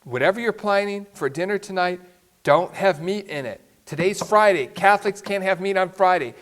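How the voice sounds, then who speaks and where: Priest acting out a firm husband, calm and insistent, fairly high voice. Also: male voice, normal speed.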